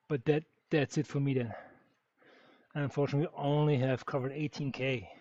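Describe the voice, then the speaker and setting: A man's voice: fairly high pitch, mellow, no room sound. A man from Germany, chatting casually on a live stream while riding and answering viewers' questions with many fillers. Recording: dull lo-fi stream audio.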